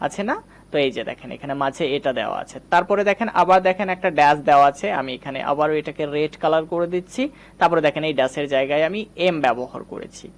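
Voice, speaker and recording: A man teaching English reading, patiently explaining and quizzing his viewers. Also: on the high side. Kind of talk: screen-recorded lesson.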